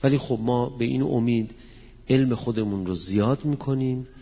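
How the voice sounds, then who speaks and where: A man of medium pitch with a breathy edge preaches to a gathered audience in a hall, heard through a dull, echoey recording. His religious lecture blends Arabic scripture with Persian verse, plainly explained, and includes leading them in prayer.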